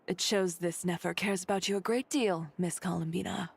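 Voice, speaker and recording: An actress playing a poised, perceptive woman in a video game, wry, measured and dryly teasing. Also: fairly low pitch, gravelly, slightly rough. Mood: amused, teasing. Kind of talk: video game character dialogue. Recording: background music under the dialogue.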